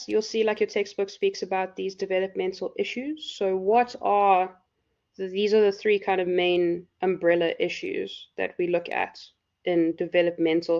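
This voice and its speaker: Croaky woman lecturing, gravelly and dull. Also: mid-range voice, darkish tone. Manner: loose, filler-heavy explaining. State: hoarse. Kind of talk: live university lecture. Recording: dull lo-fi recording.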